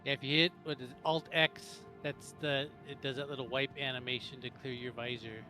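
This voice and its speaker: A man's voice: mid-range voice, little pitch movement, brisk, pushed and bright, soft background music. A man chatting casually with friends as he plays a video game, thinking aloud as he goes. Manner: thinks aloud while playing. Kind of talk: casual gameplay chat with friends.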